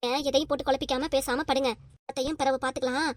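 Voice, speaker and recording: A stubborn old cartoon grandmother, voiced by a woman, who scolds her family in a high, rapid-fire voice. Her lines come fast and sharp. The sound is dry and close, like a studio booth. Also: little pitch movement, no room sound, lightly acted. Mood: resolute. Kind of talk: cartoon family comedy voice acting.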